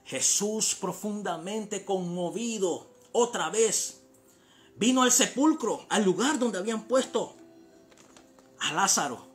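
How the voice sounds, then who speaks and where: A male pastor from Panama preaching a sermon, swinging from hushed storytelling to impassioned shouts. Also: high voice, expressive, slow, soft background music.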